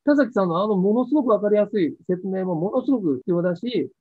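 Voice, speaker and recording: A man being interviewed about his acting career, telling stories in a lively way and acting out what others said. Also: high-pitched, fast talker, husky, no echo. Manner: lively storyteller acting out quoted lines. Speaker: actor interviewed about a past role. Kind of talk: animated interview chat. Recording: dry, tinny phone-like sound.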